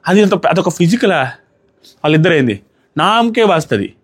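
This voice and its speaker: A man giving an animated, exasperated review of a reality show episode, often mimicking contestants. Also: high-pitched, normal speed, husky.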